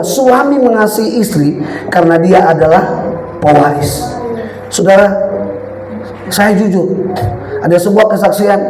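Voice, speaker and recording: A middle-aged male pastor preaching animatedly, shouting out his points and then dropping into storytelling. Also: sits high, a little hiss or hum. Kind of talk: sermon. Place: church sanctuary. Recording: echoey church hall with faint ambience.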